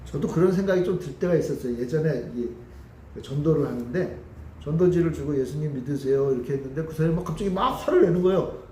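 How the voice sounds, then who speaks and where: A man's voice: fairly high pitch, expressive, quick pace, mellow, a little hiss or hum. A man preaching a Sunday sermon as pastor, talking to the congregation and putting questions to them. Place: church sanctuary. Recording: echoey church hall with faint ambience.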